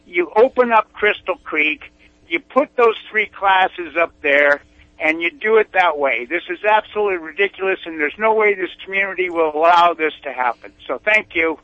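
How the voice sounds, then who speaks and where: A man's voice: high-pitched, lively intonation, moderate pace, no echo. A man calling in over a phone line to a talk show, speaking emphatically and indignantly and repeating his objections. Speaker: caller. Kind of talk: call-in comment to a talk show. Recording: dull, dry phone line.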